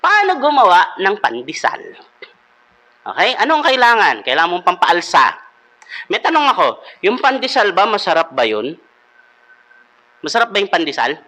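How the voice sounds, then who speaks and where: Bright-voiced playful devotional host. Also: male voice, high-pitched, huge pitch swings, moderate pace, pauses often. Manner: playful, quizzing listeners, mixing in English. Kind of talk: comedic live devotional talk.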